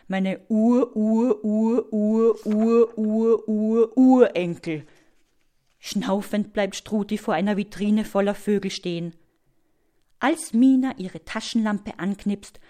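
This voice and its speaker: A woman calmly narrating a children's story, sometimes dropping to a hush. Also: medium pitch, a little slow. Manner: calm, hushed in places.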